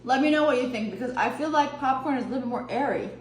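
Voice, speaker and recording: A woman's voice: high voice, fast. A woman giving an upbeat, chatty step-by-step cooking demonstration in a home kitchen. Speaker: cooking vlogger. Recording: roomy echo, faint noise.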